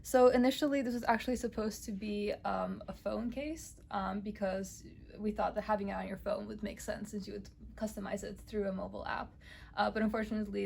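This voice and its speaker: A young woman from Romania with a slightly gravelly edge to her voice speaks at a middle pitch, easygoing and full of little fillers. She answers questions casually while walking through an office. Faint noise sits under the recording. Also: rough recording. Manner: relaxed, many "um" and "I guess" fillers. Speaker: startup cofounder and lead developer. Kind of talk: casual interview and office tour.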